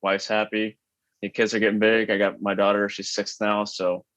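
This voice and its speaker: A man speaking as a podcast guest over a video call through wireless earbuds, with muffled lo-fi audio, chatty and relaxed with many fillers. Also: lowish voice, normal speed, no echo. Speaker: podcast guest, business owner. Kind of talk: casual conversation. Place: his taproom. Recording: dull lo-fi remote call line.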